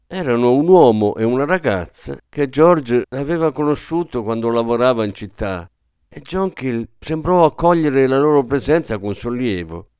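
A man giving calm, measured scripted narration of a literary story as an audiobook narrator. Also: medium pitch, clear, resonant tone, no room sound, clean studio sound.

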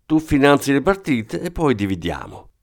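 A man reading aloud and voicing an eager, clumsy small-time thief with a wheedling, excitable manner. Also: medium pitch, moderate pace, creaky, pitched above the performer's own voice. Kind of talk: audiobook character voice.

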